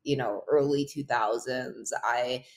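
Low-voiced woman chatting easily. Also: takes it slowly. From Hawaii. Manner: relaxed, rambling, heavy use of "like". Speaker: guest, pro surfer. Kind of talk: casual interview chat.

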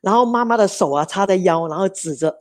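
A middle-aged woman with a lilt to her tells lively stories about raising her children. She mixes English words into her speech and keeps her voice in an ordinary middle range. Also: mid-range voice, fast. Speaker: interview guest, mother of three. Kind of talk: casual storytelling interview.

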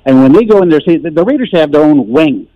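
A man's voice: a little high, expressive, fast, no room sound. Dull phone line, enthusiastic male caller. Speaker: caller to a sports radio show. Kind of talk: casual, opinionated sports talk. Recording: dull, band-limited phone call.

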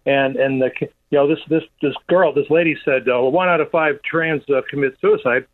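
A man calling in to a radio show on a speakerphone from his office, ranting in a rapid, heated way. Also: on the high side. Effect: calling in on a speakerphone over a phone line. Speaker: radio call-in caller. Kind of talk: call-in talk radio. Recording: tinny speakerphone line.

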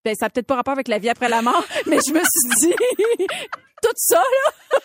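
A woman's voice: high voice, a little fast, dry recording. A Québécoise woman in her thirties, co-hosting a radio show in casual chat, laughing often as she tells stories. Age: 30s. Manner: laughs often, animated storyteller. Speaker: radio co-host.

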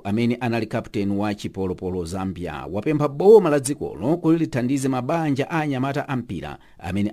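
Mellow, lively Malawian sports newsreader, male. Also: on the low side. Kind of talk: scripted sports news reading.

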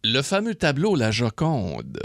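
A man's voice: mid-range voice, wildly swooping pitch, a little slow, gravelly, a bit bright, no echo. A man with a Québécois accent hosting a morning radio quiz, playful and laughing often. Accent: Québécois French. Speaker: radio show host.

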